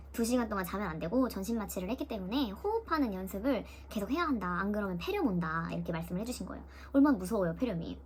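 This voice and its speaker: A woman's voice: mid-range voice, a little hiss or hum. A young woman vlogger casually retelling a personal experience, often imitating the voices of others. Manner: lively, mimics voices of nurses and her sister while retelling. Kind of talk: casual storytelling vlog.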